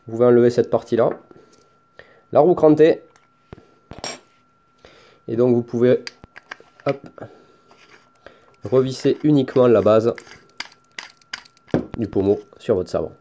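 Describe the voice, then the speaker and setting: Showing and explaining his lightsaber, a man from France speaks with a Toulouse accent in a warm, mid-range voice. It's a casual show-and-tell, full of hesitation, fillers and restarts.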